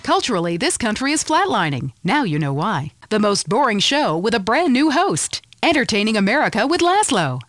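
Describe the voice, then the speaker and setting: A woman's voice: a little high, very animated, moderate pace, hardly any pauses, over music. A woman voicing a radio promo announcer with a dry, mocking read.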